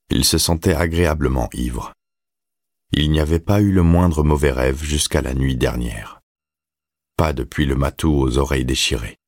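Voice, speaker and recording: Un homme qui lit un roman en livre audio, d'un ton posé et régulier. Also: male voice, very deep voice, no room sound, clean studio sound. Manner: steady, measured storytelling. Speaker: narrator. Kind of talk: audiobook reading.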